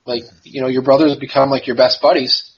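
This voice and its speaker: A man answering as an interview guest, explaining things in a relaxed, easygoing, informal way. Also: mid-range voice, fairly quick, background noise. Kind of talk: casual explanatory chat. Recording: dull lo-fi sound.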